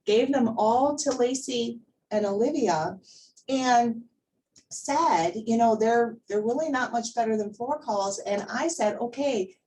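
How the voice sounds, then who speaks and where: This fairly high, slightly mellow voice belongs to a woman running a casual training class at work, speaking a little slowly. She keeps it conversational and emphatic, checks in with the group, poses questions and repeats words for emphasis. It's picked up on a distant mic with faint noise behind her.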